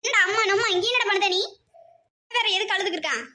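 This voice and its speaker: Brief: a woman voicing a fast-talking, sharp cartoon village mother with a Tirunelveli Tamil accent, bright and high. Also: slight background noise. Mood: angry. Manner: quick, scolding. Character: angry village farmhand mother.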